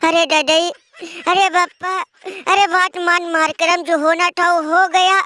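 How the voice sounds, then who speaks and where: A woman's voice: very high voice, little pitch movement, slow, bright, forceful tone, exaggerated voice. A woman doing a wailing rustic villager. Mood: wailing lament. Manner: melodramatic wailing lament with rustic exclamations. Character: wailing rustic village friend, melodramatic and mournful. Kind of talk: comic cartoon voice acting.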